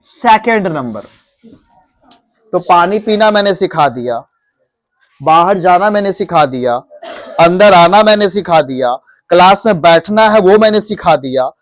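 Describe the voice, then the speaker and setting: A man's voice: high voice, lively intonation, a little slow, pauses often, no room sound. A man teaching English phrases in a classroom, coaxing and repeating questions to his students.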